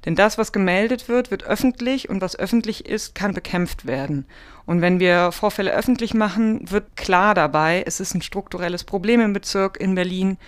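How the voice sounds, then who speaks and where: Smooth-voiced measured podcast host. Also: mid-range voice. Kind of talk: podcast interview and scripted segment.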